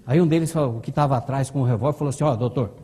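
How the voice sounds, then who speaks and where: A middle-aged man from Brazil telling a dramatic personal story at a lecture, in an animated way. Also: mid-range voice, very fast, breathy edge. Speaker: speaker at a spiritist lecture. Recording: long hall reverb.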